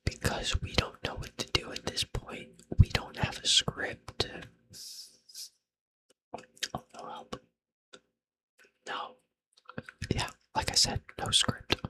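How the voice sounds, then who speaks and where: A man doing an unscripted ASMR whispered role-play, rambling playfully in a breathy, unvoiced whisper and repeating short phrases over and over. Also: slow pace, long pauses, rough recording. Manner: playful, self-deprecating, teasing.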